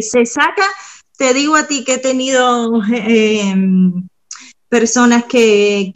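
Chatty cuban-born woman on a podcast, kinda high voice, easygoing. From Cuba. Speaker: podcast guest. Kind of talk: casual podcast chat.

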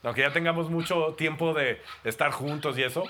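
Pastor with a Mexican accent, playful and chatty in the pulpit, bright and forceful. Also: male voice, on the high side, brisk. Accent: Mexican Spanish. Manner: playful, joking, conversational. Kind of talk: sermon. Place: church before a congregation.

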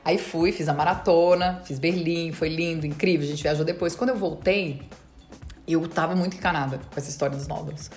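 A woman guest on an interview podcast, casually recounting her story in a fast, chatty way and quoting past conversations. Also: fairly low pitch, darkish tone. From Brazil. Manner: fast, chatty retelling with quoted dialogue. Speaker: dentist and marathon runner.

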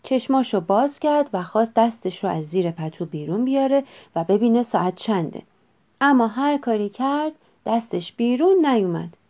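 A woman reading a children's story aloud in an expressive, measured way. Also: on the high side. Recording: dull lo-fi recording.

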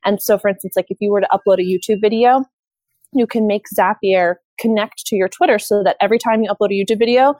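A woman's voice: mid-range voice, fast talker, darkish tone, dry recording, poor audio. Woman consultant in a dry, close recording. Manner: explanatory, casual with fillers like "you know" and "like". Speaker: social media consultant. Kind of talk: conversational interview.

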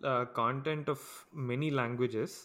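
A man's voice: mid-range voice, steady tone, normal speed, a bit bright. A man with a South Indian Tamil accent in casual discussion, switching between English and Tamil.

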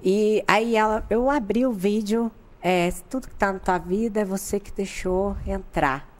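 A woman from Brazil, a podcast guest, telling a personal story in candid, informal chat and acting out the people in it. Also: unhurried. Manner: animated, acts out the people in her story with sudden jumps in pitch; candid and informal, with slang and frequent laughter. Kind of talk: personal storytelling in a casual interview.

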